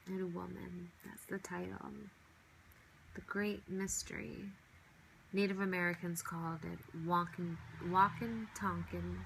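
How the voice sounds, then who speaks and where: A woman's voice: lowish voice, creaky, slight background noise, rough recording. A woman hosting her own podcast from home, talking in a casual, reflective monologue that turns to heated venting, swearing freely. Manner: reflective, drifting between soft musing and heated venting. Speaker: podcast host.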